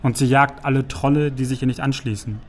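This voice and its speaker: A dry, level-headed male warrior answers in measured, even tones, as a man reading an audiobook gives him voice. The pitch sits mid-range. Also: lightly acted. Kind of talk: audiobook character voice.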